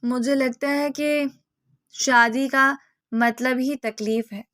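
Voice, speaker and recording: Woman reads a timid, tearful young bride in a storybook, pleading, bright voice. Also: on the high side, fairly even intonation, dry recording, studio quality, natural voice.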